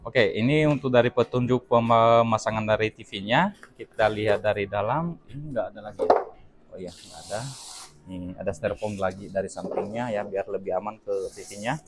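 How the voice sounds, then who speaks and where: A man's voice: lowish voice, moderate pace, very noisy. A man walks through a TV unboxing. He talks chattily and directly to his viewers as he handles the set. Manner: addresses viewers as teman-teman, chatty, explains while handling the product. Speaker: product reviewer. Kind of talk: casual unboxing review.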